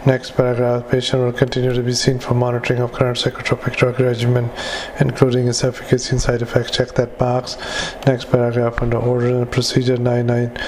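A man dictating medical notes as a clinician, in clipped fragments with spoken punctuation and formatting commands, in a flat monotone. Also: mid-range voice, a little fast, hardly any pauses, a little hiss or hum.

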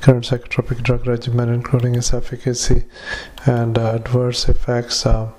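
A male doctor dictating notes into a dictaphone at a retirement community, halting with frequent fillers and reading punctuation aloud. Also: mid-range voice, completely flat delivery, warm tone. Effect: dictaphone recording. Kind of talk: medical dictation.

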